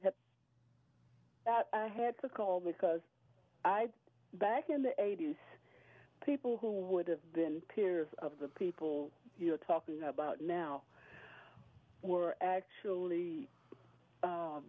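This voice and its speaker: A woman calling in over the phone, talking in a halting, hesitant way with many restarts. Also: fairly low pitch, dry recording. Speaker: caller. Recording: tinny phone line, dry.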